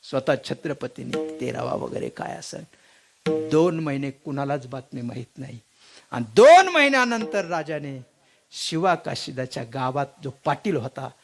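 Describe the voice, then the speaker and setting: A man preaching a devotional kirtan sermon, telling a history story dramatically, swinging from loud exclaiming to hushed lament. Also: mid-range voice, creaky.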